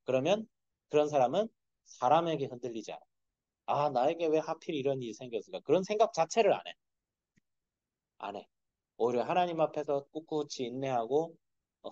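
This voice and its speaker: A man's voice: on the high side, warm tone, no room sound. A man giving a casual, conversational sermon at a dawn school service, often asking his listeners rhetorical questions. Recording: dull, dry lo-fi sound.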